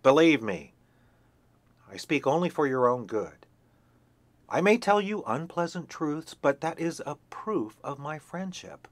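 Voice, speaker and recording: A man's voice: very animated, measured pace, dry recording. A man voicing a bossy, haughty hen who lectures and scolds. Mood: scolding. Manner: scolding, shrill.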